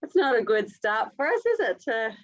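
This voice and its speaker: A woman's voice: on the high side, lively intonation, normal speed, no echo, muffled recording. Upbeat Australian woman on a webinar. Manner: upbeat, direct, chatty. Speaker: webinar presenter, dietitian. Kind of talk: live webinar presentation. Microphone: video call.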